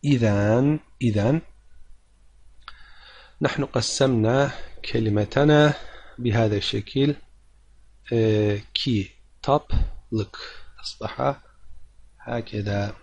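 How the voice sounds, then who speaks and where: A man teaching a language lesson, explaining step by step with frequent pauses, repeating himself and counting syllables aloud for his students. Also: medium pitch, darkish tone, no room sound. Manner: patient, halting explanation with frequent pauses and repetitions; addresses learners directly to draw their attention.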